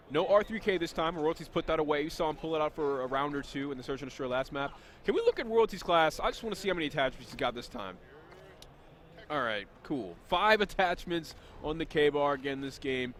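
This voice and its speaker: A man doing live play-by-play commentary on a competitive video game match, energetic and quick, sometimes correcting himself mid-sentence. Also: on the high side. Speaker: esports commentator.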